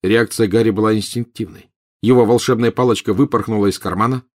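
Low-voiced male audiobook narrator. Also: a little mellow. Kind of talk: scripted narration.

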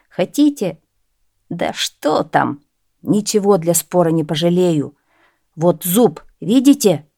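A woman's voice: lowish voice, dark tone, no echo, clean studio sound, exaggerated voice. A woman doing a sly, boastful peasant man. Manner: stubborn, cunning, cheerfully boastful. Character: sly, cheerful adult male peasant. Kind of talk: storybook reading.

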